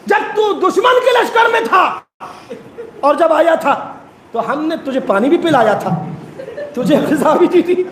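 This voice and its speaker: A man preaching at a mourning gathering, chanting an emotional elegy, sobbing and rising to wails. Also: very high-pitched. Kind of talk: chanted Muharram elegy sermon. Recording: echoey hall with faint noise.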